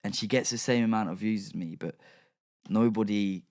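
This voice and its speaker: A man's voice: fairly low pitch, normal speed, a little mellow. A young man, chatting casually as a podcast guest, slangy and rambling with lots of fillers. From England. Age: young adult. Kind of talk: casual chat.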